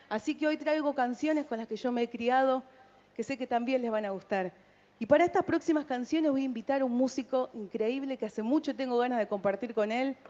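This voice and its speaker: A woman's voice: high voice, a little mellow. A young woman singer talking to the crowd from a festival stage between songs, heartfelt and thankful. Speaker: folk singer. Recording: dull live sound with music.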